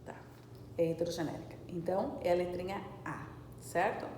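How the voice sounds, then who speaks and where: A woman teaching a Spanish class, patiently going over exercises, reading words slowly and checking that students follow. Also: lowish voice, warm tone, reverberant, in a large hall, slight background noise. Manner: explains patiently, checks understanding with "certo?" and "né, gente?"; reads Spanish words slowly and clearly, switching into Portuguese explanations.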